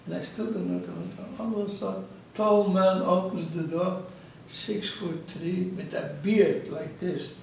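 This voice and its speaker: A man's voice: high voice, steady tone, normal speed, gravelly, hardly any pauses, darkish tone, a little hiss or hum. A man in his eighties from Ukraine, with a Ukrainian accent, telling his life story in an interview in broken English and acting out the dialogue. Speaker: interviewee, Holocaust survivor. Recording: echoey room, voice from far off.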